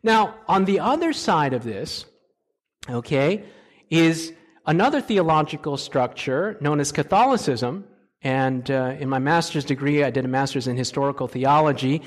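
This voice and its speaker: A man's voice: fairly high pitch, animated, normal speed. A man preaching a sermon in a lecture style, emphatic and often putting rhetorical questions to his listeners.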